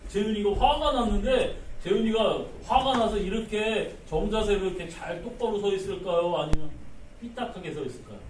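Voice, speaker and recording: Male pastor, lively sermon with playful questions to the pews; high, bouncy pitch; roomy sanctuary, distant mic. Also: noisy background. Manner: animated, playful, asks congregation questions. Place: church sanctuary.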